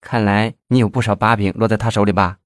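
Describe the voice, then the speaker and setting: A man doing a coy, sharp-tongued young woman. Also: on the low side, fairly even intonation, dry recording, studio quality, lightly acted. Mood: coquettish, teasing. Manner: coquettish, scolding, quick retorts.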